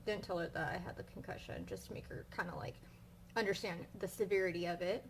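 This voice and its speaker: A woman's voice: lowish voice, fast talker, a little hiss or hum, rough recording. A young woman vlogging casually about her migraines while she still has one, rambling with lots of fillers and sounding frustrated. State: suffering a migraine. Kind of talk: casual storytelling vlog.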